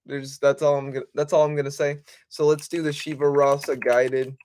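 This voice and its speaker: A man's voice: a little high, flat delivery, a little fast, a little mellow. A man hosting a casual livestream as a life coach, talking informally to his viewers and repeating himself.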